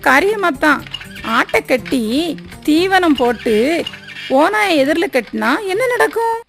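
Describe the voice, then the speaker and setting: A woman's voice: extremely high pitch, very animated, a little slow, creaky, a bit bright, faint music behind, exaggerated voice. An actress playing a scheming, greedy middle-aged woman who plots over a family fortune and scolds with sly self-pity. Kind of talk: period film drama acting.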